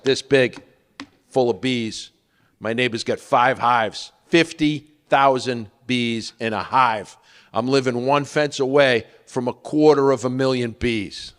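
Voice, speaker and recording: A man's voice: mid-range voice, fairly bright tone. A man doing a stand-up comedy routine, telling wry stories and asking the audience questions. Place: stage in a large hall. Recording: long reverb of a theater hall.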